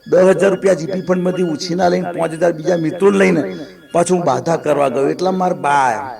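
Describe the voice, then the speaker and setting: A man, a stand-up comedian telling a chatty, anecdotal comic story and slipping quickly into the voices of the people in it. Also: a little high, vocal fry, crowd noise.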